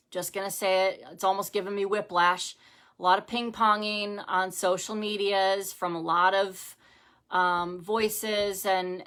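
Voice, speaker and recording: A woman's voice: medium pitch, a bit bright. Woman giving a chatty home devotional. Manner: conversational, many fillers and repeated phrases. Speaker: ministry host. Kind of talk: live-streamed devotional talk.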